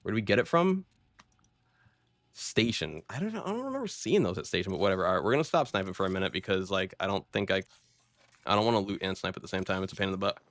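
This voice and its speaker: Low-voiced laid-back gaming streamer man. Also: expressive, fast, fairly bright tone, dry recording. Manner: laid-back, chatty, says "bro" and "dude" often. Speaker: game streamer. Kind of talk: casual gameplay commentary.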